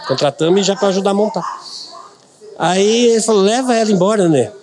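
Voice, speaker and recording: A man's voice: high-pitched, fairly quick, a little mellow. A middle-aged man from Brazil, a podcast guest, telling a personal story earnestly and repeating words for emphasis.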